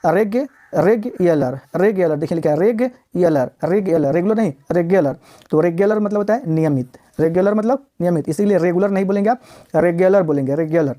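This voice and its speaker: A woman's voice: lowish voice, warm tone. A woman teaching a recorded vocabulary lesson, repeating each word and asking her students rhetorical questions as she sounds out the spelling. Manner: drills words by repeating them and asks rhetorical questions; slows down to spell and sound out words.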